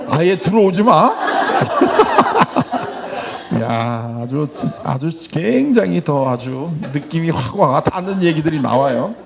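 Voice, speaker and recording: A man's voice: on the high side, noisy background. A middle-aged man teaching an adult church class, acting out short family dialogues with humor. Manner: animated, acts out dialogue with humor. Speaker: church Bible school teacher. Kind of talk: lively lecture to an adult class.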